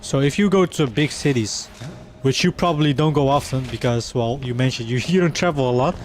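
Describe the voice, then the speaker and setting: A man's voice: mid-range voice, a little fast. Dutch man chatting on a stream. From Netherlands. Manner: chatty, answers chat and laughs between lines. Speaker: livestreamer. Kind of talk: casual chat while gaming live.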